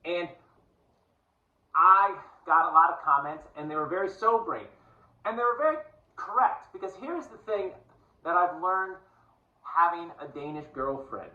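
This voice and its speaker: A man's voice: high-pitched, very animated, normal speed, long pauses, roomy sound, distant mic, phone-quality sound. A man from the United States, talking to camera in a casual, digressive and earnest monologue. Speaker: vlogger.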